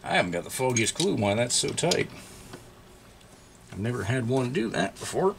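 Working at his bench in an indoor repair shop, a middle-aged man hosting a chainsaw repair channel talks loosely through an old tool, voicing his thoughts and breaking into surprised outbursts. His creaky voice is medium in pitch, very animated, and at normal speed. Background noise runs through this casual show-and-tell.

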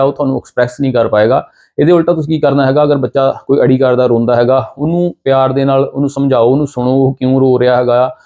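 A man's voice: mid-range voice, mellow. A man hosting his own channel, explaining parenting advice in a casual, earnest way and repeating his points. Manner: earnest, repetitive, advice-giving. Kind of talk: casual explanatory talk to camera.

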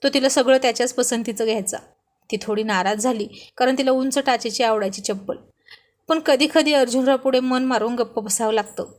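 A woman's voice: fairly high pitch, a little fast. A woman narrating a serialized romantic story, chatty and commenting to her listeners.

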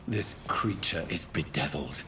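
An actor playing a grim, brooding male vampire doctor in a video game, speaking slowly and coldly with disdain. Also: rumbling low, lively intonation, very noisy. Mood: grim disgust.

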